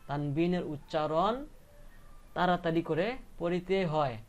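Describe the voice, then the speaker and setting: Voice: mid-range voice, fairly even intonation, measured pace. Patient teacher spelling out syllables. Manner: patient and repetitive, spells out syllables, checks understanding. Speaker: Quran reading teacher. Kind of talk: step-by-step recorded lesson.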